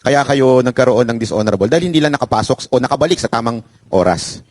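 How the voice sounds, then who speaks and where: A man's voice: medium pitch, lively intonation, fast, darkish tone, no echo. A male host moderating a panel, probing with rhetorical questions.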